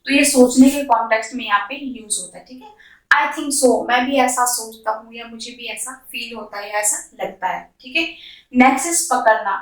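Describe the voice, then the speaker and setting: A woman teaching beginners basic English words, drawing out each model sentence slowly between quicker explanations. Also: a little high. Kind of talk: beginner language lesson. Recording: echoey room, voice from a distance.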